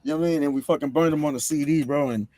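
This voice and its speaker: A man's voice: fairly high pitch, fairly even intonation, very fast, dark tone, no echo. A man hosting a podcast, chatting casually in a laid-back, slangy way, tossing in "bro" often. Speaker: podcast host. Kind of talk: casual chat.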